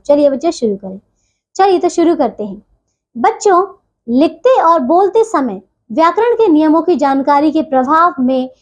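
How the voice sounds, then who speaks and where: A woman with a high voice teaches a grammar lesson to young children. She works through the words slowly and carefully, one at a time. She keeps checking that the class is still following. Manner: slow, careful word-by-word dictation.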